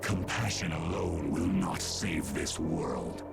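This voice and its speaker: An actor playing a giant ancient bird spirit in a video game, grave, lordly and solemn, with archaic formal speech. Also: male voice, slow, full character voice. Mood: stern. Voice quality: deep, gravelly. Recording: game music behind the voice.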